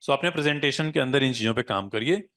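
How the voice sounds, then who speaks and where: A man's voice: mid-range voice, quick pace, fairly bright tone. A man teaching a live class, mixing Hindi with English phrases and often checking in with the students. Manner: coaching, asks "है ना?" to check in.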